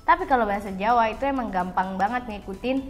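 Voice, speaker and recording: A young woman from Java, Indonesia, co-hosts a language vlog, speaking quickly in a fairly high voice. She chats casually and informally, explaining words to viewers as if they were friends, with background music playing.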